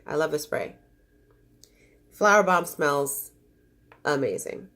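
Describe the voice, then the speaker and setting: A stuffy-nosed woman with a low, fairly bright voice and lively intonation chats slowly through a casual unboxing. As a beauty vlogger, she gushes and chatters but is easily disappointed.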